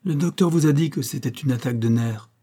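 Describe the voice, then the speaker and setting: A man's voice: mid-range voice, quick pace, dark tone, breathy edge, voice pushed up, lightly acted. A man reading aloud, voicing a proud troubled young wife who answers her husband tersely and coldly. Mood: guarded, cold. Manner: terse, guarded replies.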